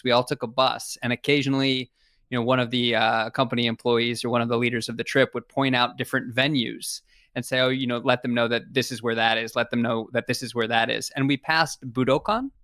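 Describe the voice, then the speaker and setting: A man hosting a podcast tells stories in a chatty, hesitant way, restarting phrases as he thinks. His voice sits at a middling pitch, and the sound is dry and close with no room around it. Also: a bit bright, no room sound. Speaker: podcast host. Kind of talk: podcast conversation.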